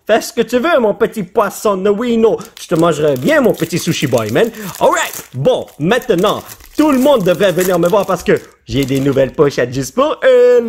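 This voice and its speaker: A man with a high, bouncy voice chats through a late-night card opening. He is short on sleep, yet excitable, and he shouts and laughs at good pulls. English words slip into his casual talk. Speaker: YouTuber opening Pokémon cards. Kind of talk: casual vlog chat.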